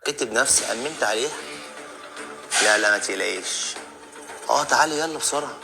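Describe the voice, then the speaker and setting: A man's voice: mid-range voice, expressive, quick pace, gravelly, over music. A man playing a sly, scheming husband. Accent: Egyptian Arabic. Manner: talks aloud to himself, sly and scheming. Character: cheating husband plotting behind his wife.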